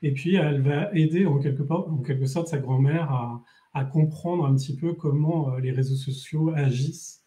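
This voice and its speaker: A male interviewer with a mellow, slightly high voice asks his questions haltingly, filling pauses with "euh". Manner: halting, with fillers. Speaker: interviewer host.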